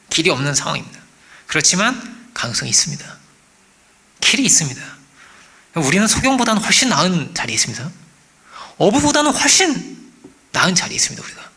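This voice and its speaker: A man preaching a sermon as pastor, animated, asking the congregation for agreement and acting out quoted voices. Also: a little high. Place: church.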